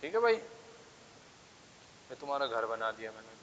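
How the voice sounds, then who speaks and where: A man's voice: medium pitch, big pitch swings, measured pace, slight background noise. Quizzing male teacher in a reverberant classroom. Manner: coaxing, keeps asking the class questions. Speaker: physics teacher. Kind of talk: classroom lecture. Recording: dull sound with long reverb.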